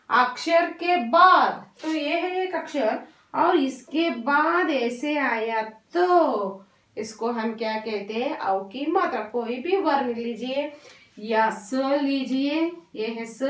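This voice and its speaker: Woman, primary teacher, high voice, slow drilling delivery, roomy, off-mic sound. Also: a bit bright, distant mic. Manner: patient, repeats and drills words, mixes English into Hindi. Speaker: primary school Hindi teacher. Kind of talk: slow online class lesson. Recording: echoey room, voice off-mic.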